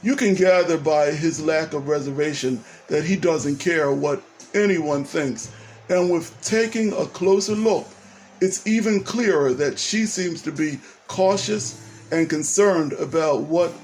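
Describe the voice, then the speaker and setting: A man's voice: on the high side, unhurried, darkish tone. A man narrating a story aloud, speaking straight to the listener and posing questions. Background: faint guitar music.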